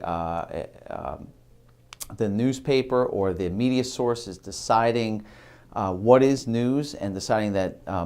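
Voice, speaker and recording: A middle-aged man with a fairly low voice teaches a marketing lesson for a video. He talks in halting stretches, filling gaps with ums and uhs and restarting his phrases as he explains. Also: a little mellow, smooth. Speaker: marketing instructor. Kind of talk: instructional video lecture.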